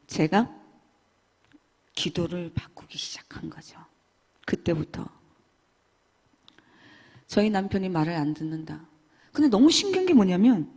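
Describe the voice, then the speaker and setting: A woman giving an emotional church testimony, swinging between loud and hushed. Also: fairly high pitch, breathy edge. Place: church hall. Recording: long church hall reverb.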